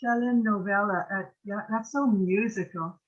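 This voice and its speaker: A woman in her late seventies speaking with missing front teeth, chatting effusively and haltingly on an online call. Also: mid-range voice. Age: late 70s. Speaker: participant in an online gathering. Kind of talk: casual video-call chat. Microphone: video call microphone. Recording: muffled, band-limited online call audio.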